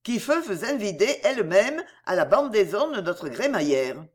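A woman's voice: medium pitch, big pitch swings, moderate pace, breathy edge. A woman reading a storybook and voicing a pompous rich older male banker with a mangled, mock German-style accent. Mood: fawning.

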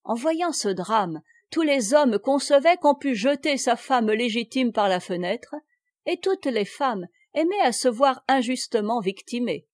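A woman narrating a classic novel in a measured, theatrical reading style. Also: fairly high pitch, lively intonation, dry recording, clean studio sound. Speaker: audiobook narrator.

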